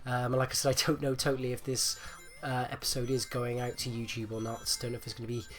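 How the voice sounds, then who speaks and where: Male gaming host, mid-pitched, chesty and phlegmy as if getting over flu, rambling casual delivery over music. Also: monotone, fast talker, fairly bright tone. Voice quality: rattly, chesty, congested voice. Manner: hesitant, rambling, repeats himself. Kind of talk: casual gameplay commentary.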